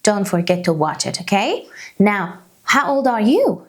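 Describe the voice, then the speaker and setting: A woman in her thirties from Canada, an English teacher giving a slow beginner lesson and repeating each phrase carefully for learners. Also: mid-range voice, sing-song. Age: 30s. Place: small room indoors.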